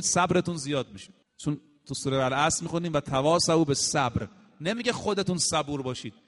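A man preaching a sermon, telling stories and slowly reciting Arabic verses between points. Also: sits high, fairly bright tone, big-room sound.

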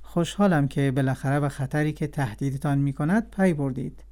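A man voicing a jealous, scheming vizier who speaks in a smooth, flattering and cunning way, in a storybook reading. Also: a little high, lightly acted. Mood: sly.

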